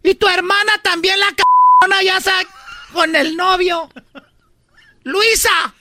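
A mother in a radio comedy sketch, played by a woman, shrieking and cursing at her children. Her voice sits very high and sounds bright and cutting. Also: steady tone, normal speed. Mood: scolding. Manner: yelling, cursing, tearful rants. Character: loud scolding Mexican mother of three.

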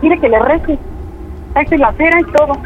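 A woman's voice: high-pitched, fairly quick. A woman on the phone, praying fervently and then pleading in alarm. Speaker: prank call victim. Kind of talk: frantic phone conversation and praying. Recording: noisy phone line.

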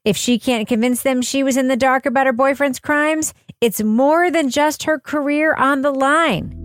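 A woman hosting a podcast, chatty and animated, sometimes giggly. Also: high voice, moderate pace, no echo, studio quality. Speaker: podcast host. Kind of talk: casual podcast chat and read promo.

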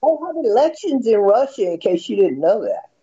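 An American man in his fifties with a high-pitched, soft-edged voice. His intonation jumps around as he argues bluntly and profanely in a heated, informal debate. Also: big pitch swings, moderate pace, highs cut off. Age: 50s.

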